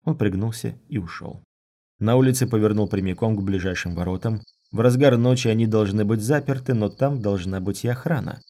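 A man narrates a fantasy audiobook with scripted, steady delivery. His voice sits a bit low, and he keeps the reading measured and even.

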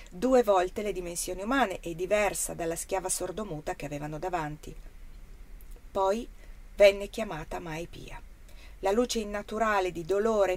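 A woman reading a novel aloud in a measured, expressive narration. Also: mid-range voice. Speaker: audiobook reader. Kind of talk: scripted narration.

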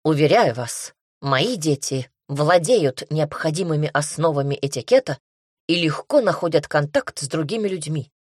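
A woman's voice: low voice, lively intonation, moderate pace, darkish tone, breathy edge, no echo, studio quality. A woman reading an arrogant fantasy lord. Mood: haughty. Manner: arrogant, curt. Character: haughty, stubborn widowed male lord, father.

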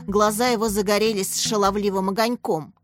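A woman narrating a children's book in a clear, expressive reading. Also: medium pitch, a little fast, faint music behind. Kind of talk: scripted audiobook narration.

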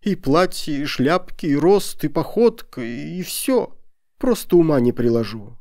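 A man's voice: very animated, a little slow, darkish tone, no room sound, clean studio sound. A man voicing a flustered older woman who nervously defends herself in an audiobook story. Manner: high, fretful, defensive. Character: older woman, Madame B, flustered mother-in-law.

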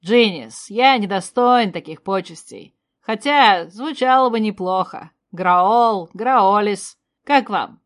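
A woman's voice: medium pitch, animated, slow, hardly any pauses. A woman reading aloud voices a man leader who speaks with modest amusement. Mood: amused.

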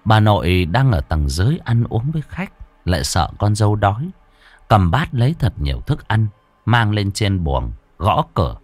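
A man narrating a ghost story in an expressive, animated storytelling manner. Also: normal speed, dry recording. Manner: lively, expressive storytelling with big pitch swings.

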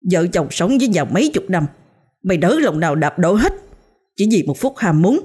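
Woman doing a wailing middle-aged husband, low husky voice, rushed. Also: very animated, warm tone. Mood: anguished. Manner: wailing, accusing.

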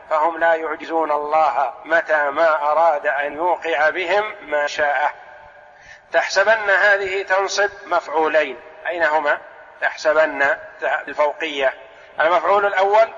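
A man's voice: high voice, pushed and bright. A man, a sheikh, teaching a religious lesson on Quran commentary, explaining methodically and posing questions that he answers himself. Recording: echoey hall, dull lo-fi radio broadcast.

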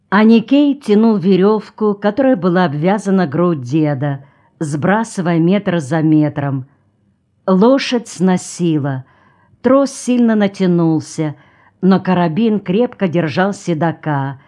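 A woman reading a story aloud as an audiobook narrator, steady and measured. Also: on the low side. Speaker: audiobook reader. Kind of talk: scripted narration.

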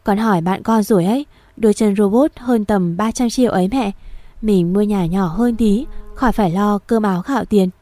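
A woman's voice: medium pitch, normal speed, dark tone, dry recording, faint music behind, natural voice. A woman voicing a caring daughter-in-law who talks politely and coaxingly to her mother-in-law.

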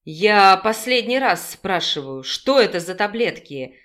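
A woman reading an audiobook and voicing a possessive, domineering bear-shifter man who speaks in a slow, clipped, growling way. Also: medium pitch, expressive, fairly bright tone, natural voice. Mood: menacing. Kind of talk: audiobook character voice.

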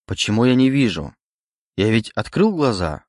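A man's voice: fairly low pitch, very animated, normal speed, no echo, clean studio sound. A man reading an audiobook, voicing a confused, frightened young man with a pleading, rising panic.

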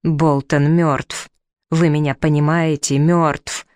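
A man voicing a hot-tempered elderly male professor who shouts and rants in fury, read from a storybook. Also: on the high side, level tone, slow pace, clean tone, no echo, clean studio sound. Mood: agitated. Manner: shouting, furious, exasperated.

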